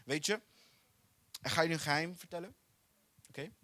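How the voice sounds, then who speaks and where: A young man preaching a sermon in a church, building up to loud, chanted refrains. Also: a little high, moderate pace. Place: church hall.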